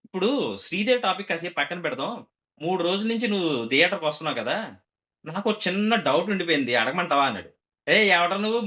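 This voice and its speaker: A man's voice: high voice, sharp tone, dull audio. A man telling a comic story to a group, acting out the characters' quoted lines.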